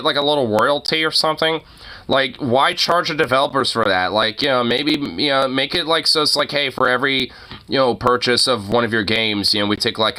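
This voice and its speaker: A man giving casual, off-the-cuff streamer commentary, rambling and halting, with plenty of loose swearing. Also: mid-range voice, sharp tone.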